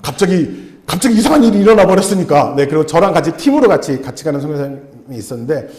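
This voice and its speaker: A man preaching a sermon as a missionary, telling a personal story in an animated way and acting out the dialogue. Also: a little high, fast talker, reverberant. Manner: animated, acts out dialogue in changing voices. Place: church sanctuary.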